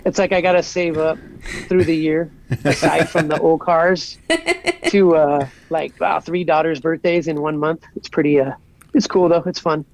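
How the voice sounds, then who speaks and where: A man's voice: a little high, flat delivery, moderate pace, vocal fry, dry recording, low-quality recording. A man in his forties from Southern California, a guest chatting casually and rambling easily with lots of "like". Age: 40s. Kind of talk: casual podcast chat.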